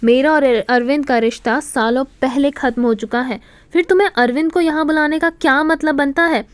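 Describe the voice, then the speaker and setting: A woman's voice: high voice, steady tone, moderate pace, dry recording, lightly acted. A woman reading an angry young mother. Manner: sharp, accusing.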